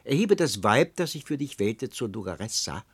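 A man reading aloud, voicing an old counselor who persuades with ornate, flattering speech, in a storybook reading. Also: medium pitch, normal speed, slightly rough, no room sound. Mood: urging.

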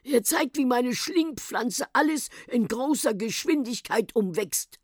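A woman voicing an excitable, eccentric old male professor in a storybook reading, with a high, fussy, emphatic delivery. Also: measured pace, dry recording, studio quality. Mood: excited.

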